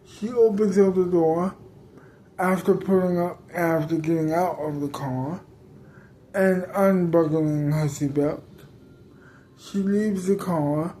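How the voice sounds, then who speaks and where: A woman's voice: on the low side, slow pace, dark tone, slight background noise, low-quality recording. A woman improvising a spoken story, rambling and correcting herself as she goes.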